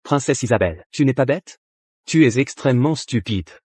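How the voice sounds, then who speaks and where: A man dubbing a proud, jealous young prince in a drama, stern and clipped, with a husky voice. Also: mid-range voice, animated, moderate pace, a little mellow, no echo, lightly acted. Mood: indignant. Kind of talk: dubbed short-drama acting.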